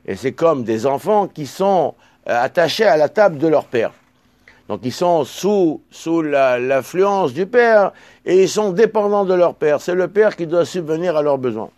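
Male Torah teacher, slightly high voice, dry recording, reads texts slowly, explains with restarts. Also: lively intonation, a little mellow, no room sound. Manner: halting, repeats and restarts words while explaining; slows down to read out texts. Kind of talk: Talmud lesson, reading Hebrew and Aramaic then explaining in French.

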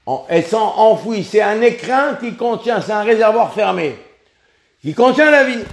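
A man giving a religious lesson on prayer, impassioned, repeating himself and slowly sounding out Hebrew syllables. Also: high voice, lively intonation, vocal fry. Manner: impassioned, repeats himself, stumbles and restarts words. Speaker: rabbi teaching on prayer.

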